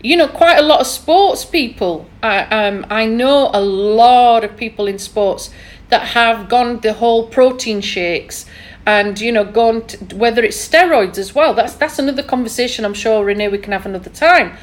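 Chatty Yorkshire woman, higher voice. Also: normal speed. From England. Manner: rambling, chatty, many fillers and restarts. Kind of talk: casual chat.

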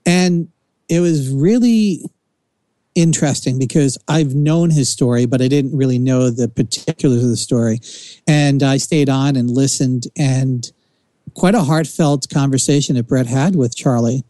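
A man's voice: medium pitch, unhurried, warm tone, dry recording. A man with a New Jersey accent hosting a casual talk show, giving rambling, opinionated takes. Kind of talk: casual chat.

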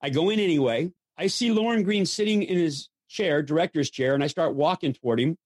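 An older man, a former stuntman, telling animated anecdotes as a guest, acting out the voices of the people he quotes. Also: a little high, fairly quick, no room sound, studio quality. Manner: lively storyteller, acts out quoted voices, frequent restarts. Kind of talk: anecdotal storytelling.

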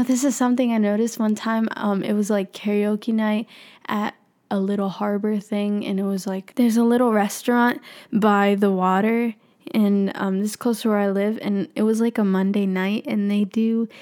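Young woman talking with braces, soft mellow tone. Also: medium pitch. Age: young adult. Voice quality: talking with freshly tightened braces. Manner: candid, self-reflective. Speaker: podcast host. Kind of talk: casual confessional solo podcast talk.

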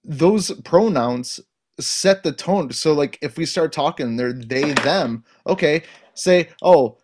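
A man's voice: on the high side, lively intonation, slow pace, noisy background. A man in a casual podcast conversation, talking bluntly and emphatically with frequent swearing. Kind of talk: casual opinionated chat.

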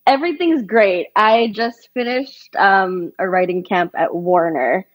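A woman's voice: mid-range voice, measured pace, dry recording. A woman from the Philippines and California, a singer-songwriter chatting casually as a podcast guest. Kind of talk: casual interview chat.

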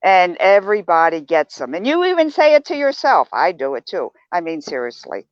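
An older woman talking as an interview guest, animated and acting out the remarks she quotes in shifting tones. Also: fairly low pitch, moderate pace, dry recording, highs cut off. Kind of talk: casual interview talk.

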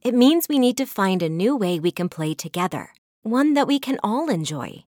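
A woman's voice: mid-range voice, very animated, moderate pace, a little mellow, no echo, clean studio sound, close to an everyday voice. A woman voicing a patient, plump red female cat who speaks with theatrical flourish in a storybook. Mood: gentle. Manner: theatrical, dramatic lament.

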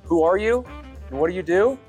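A man's voice: high voice, lively intonation, fairly quick, darkish tone, soft background music. A man co-hosting a podcast, asking loose questions full of "like" and "um". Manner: loose, filler-heavy questions, "like". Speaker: podcast co-host. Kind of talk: podcast interview.

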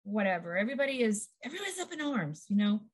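A middle-aged woman talking as a guest in a casual conversation, telling lively stories and acting out quotes. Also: mid-range voice, rapid-fire. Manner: lively storyteller, acts out quotes.

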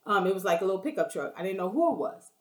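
A woman's voice: medium pitch, big pitch swings, very fast. Blunt, profane woman ranting in an echoey room. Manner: blunt, profane, keeps asking "you know what I mean". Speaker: vlogger. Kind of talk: casual storytelling rant. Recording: roomy echo.

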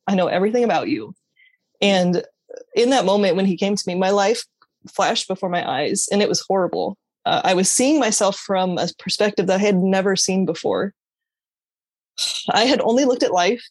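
This is a conversational faith testimony from a woman being interviewed, who speaks earnestly and openly, breaking off and restarting her sentences with occasional laughter. Her voice is lowish and slightly mellow, with no room sound at all.

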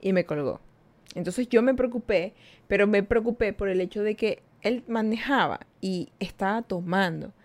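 Young woman, podcast host, casual animated storyteller, mid-pitched. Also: moderate pace. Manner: animated, chatty, acts out quoted dialogue.

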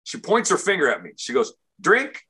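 A man in casual conversation, telling a funny story, animated and often repeating words as he starts sentences. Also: mid-range voice, quick pace, husky. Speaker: comedian and recovery speaker.

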